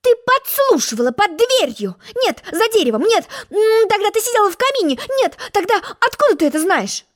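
A woman voicing a pompous, boastful egg-shaped male character in a storybook reading, haughty and quick to take offense. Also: very high-pitched, sing-song, voice pushed up. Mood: indignant.

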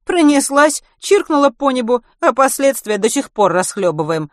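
A woman's voice: high voice, sing-song, moderate pace, no room sound, studio quality, pitched above the performer's own voice. A woman voicing a weary, opinionated female ambulance medic who grumbles insistently, reading an audiobook. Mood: dismissive.

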